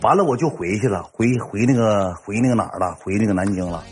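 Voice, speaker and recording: A man with a Northeastern Mandarin accent telling a comic personal story in a rough, slangy ranting way. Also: lowish voice, fast talker, faint music behind.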